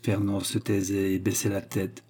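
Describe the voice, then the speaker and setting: Male audiobook narrator, dark, husky, measured literary reading. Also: deep voice, monotone.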